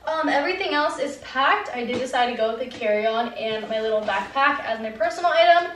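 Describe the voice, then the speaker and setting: Young woman, casual vlog chat, frequent "like" fillers, slightly high pitch, echoey home room, faint background noise. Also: animated, brisk, a bit bright. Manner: chatty, fills speech with "like". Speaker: lifestyle vlogger.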